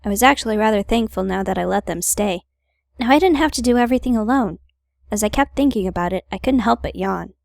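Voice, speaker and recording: Gamer lady reading story game lines out loud, wry little side comments, dry mic. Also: mid-range voice, animated, fast, vocal fry, no room sound. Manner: wry, playful asides. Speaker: gaming video host. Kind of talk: reading visual novel narration aloud with casual commentary.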